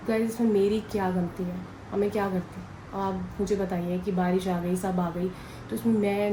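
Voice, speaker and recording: A woman's voice: lowish voice, warm tone. Young woman vlogger, chatty and rambling, noisy room. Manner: chatty, rambling, talks straight to viewers. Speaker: family vlogger. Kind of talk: casual vlog chat to viewers. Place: home.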